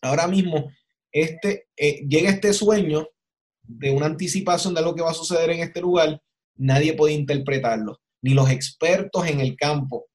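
A man's voice: fairly high pitch, normal speed, a little mellow. A man hosting a conversation on faith, speaking in an emphatic, preaching way with rhetorical questions and repeated phrases. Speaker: host.

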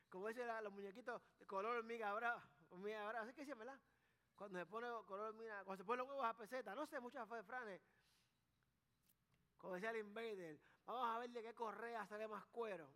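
A man's voice: high voice, brisk, pushed and bright, big-room sound. A man preaching a sermon as pastor, mixing folksy sayings with rising emphasis.

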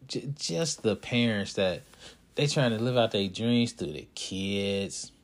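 A man who hosts a podcast and coaches youth basketball, telling a story in a casual, animated way and speaking straight to his listeners. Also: lowish voice, slow pace. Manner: animated, talks to listeners directly.

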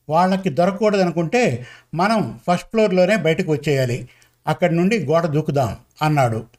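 A man narrating a first-person story in a measured, conversational storytelling manner. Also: high voice, a little mellow.

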